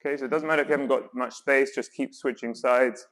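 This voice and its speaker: A man's voice: mid-range voice, fairly even intonation, fast, fairly bright tone. A man leading guided exercise as a workout instructor, coaching in an encouraging, reassuring way with counts and cues. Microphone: worn mic while exercising.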